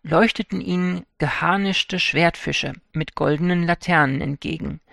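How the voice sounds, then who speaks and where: A man narrating a fairy tale for an audiobook in a calm, measured storytelling manner. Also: on the high side, vocal fry, no echo, studio quality.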